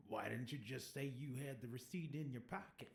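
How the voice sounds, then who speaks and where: An actress playing a composed woman running a barbershop in a video game, calm and probing. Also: extremely low pitch, fairly quick. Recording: roomy game audio.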